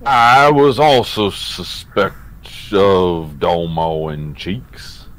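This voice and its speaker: A man's voice: sits low, fairly even intonation, very slow, crowd noise. A man jokingly laying out his alibi in a group game, with a folksy drawl. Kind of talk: casual voice chat, mock folksy.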